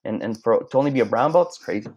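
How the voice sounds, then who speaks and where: A man's voice: mid-range voice, lively intonation, racing, darkish tone. A man from Mexico, a podcast guest, talking casually and rambling with many restarts. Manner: rambling, frequent restarts and stammered repeats. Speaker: guest, clothing brand owner. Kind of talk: casual chat. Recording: slightly dull lo-fi sound.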